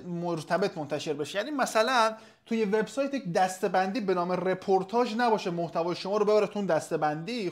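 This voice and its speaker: A man with a fairly high-pitched voice hosts a live webinar Q&A. He reads out audience questions and answers them off the cuff in a casual tone, with plenty of hesitations. He sounds like a consultant explaining things to his viewers. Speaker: webinar host and SEO consultant.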